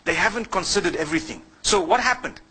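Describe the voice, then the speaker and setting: A man from Zimbabwe preaches with a bright, high voice that carries a husky edge. He talks to his listeners directly, asks them questions and answers each one himself. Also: animated, fast, poor audio. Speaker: Islamic preacher. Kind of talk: sermon.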